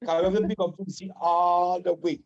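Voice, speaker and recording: A man's voice: high voice, little pitch movement, fairly quick, dull audio. A man from Saint Vincent with a Vincentian accent, chatting casually on radio and emphatically repeating his phrases. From Saint Vincent and the Grenadines.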